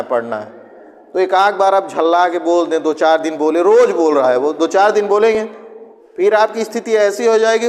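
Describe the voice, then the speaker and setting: With a voice that sits high, a man lectures his class in a chatty way, raising questions he answers himself and slipping into quick impressions of students and parents. It sounds like a large room.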